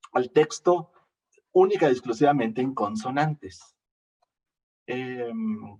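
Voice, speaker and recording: Slow-teaching preacher man, distant mic. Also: a little high, a little mellow. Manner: slow teaching, repeats phrases, asks the congregation questions. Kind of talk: sermon. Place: church.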